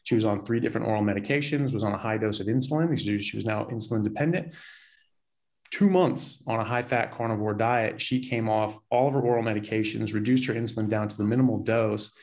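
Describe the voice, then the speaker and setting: A doctor in his forties appears as a guest on a casual interview, speaking over a video call from a small, plain room. His fairly low, slightly mellow voice moves fast, and he often repeats words as he begins a thought.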